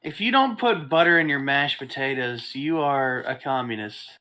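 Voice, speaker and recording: A man's voice: mid-range voice, moderate pace. A man co-hosting a casual chat show, swearing freely and telling stories with animation. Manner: crude, animated storyteller. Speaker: co-host.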